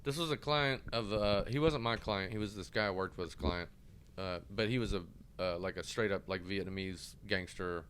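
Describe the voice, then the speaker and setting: A middle-aged man in casual podcast chat, telling stories with animated quoted voices. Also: low voice, normal speed, slight background noise. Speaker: podcast co-host.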